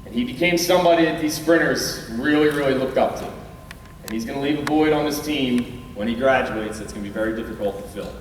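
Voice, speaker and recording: An American man, a coach, giving a prepared awards speech in an earnest, measured way to an audience. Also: medium pitch. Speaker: high school track coach. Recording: echoey hall, far from the mic, faint noise.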